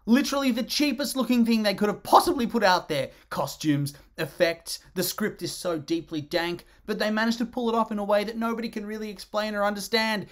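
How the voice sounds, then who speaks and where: Lively sarcastic movie reviewer. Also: medium pitch. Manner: blunt and sarcastic, swears freely; swings between gushing excitement and mocking disgust. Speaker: movie review channel host. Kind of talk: casual movie review commentary.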